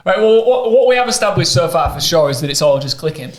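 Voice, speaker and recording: A man's voice: a little high, lively intonation, fast, reverberant, a little hiss or hum. A man in his thirties co-hosting a podcast, chatting casually and teasing the others in playful banter. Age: 30s. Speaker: podcast co-host. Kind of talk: casual chat.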